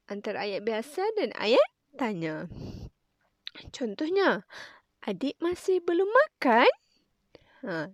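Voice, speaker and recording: Lively-voiced Malaysian woman teaching. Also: fairly high pitch, dry recording, studio quality. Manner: clear, patient teacher tone, stressing key words. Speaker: primary school Malay teacher. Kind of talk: online lesson explanation.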